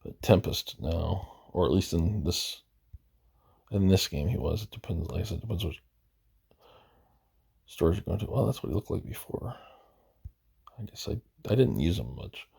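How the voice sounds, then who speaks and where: A man's voice: low voice, expressive, normal speed, gravelly, long pauses, mellow, breathy edge. A man giving casual, rambling commentary while browsing a video game roster, hesitant and often correcting himself, losing his voice. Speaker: gaming video host.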